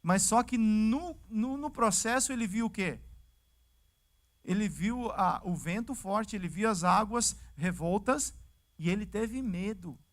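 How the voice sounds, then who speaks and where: A male pastor with a Brazilian Portuguese accent, preaching a sermon in a lively, conversational way and acting out the scripture scenes. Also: high voice, unhurried. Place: church service.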